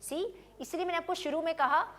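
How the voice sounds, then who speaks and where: A woman teaching English grammar on television. She explains patiently, mixes Urdu with English phrases, asks rhetorical questions, and slows down on her English examples. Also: very high voice, a bit bright. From Pakistan.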